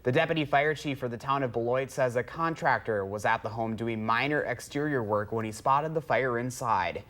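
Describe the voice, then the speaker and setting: A man's voice: mid-range voice, normal speed, fairly bright tone. A male morning news anchor reading stories and joking with co-hosts. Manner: punning, jokey in banter.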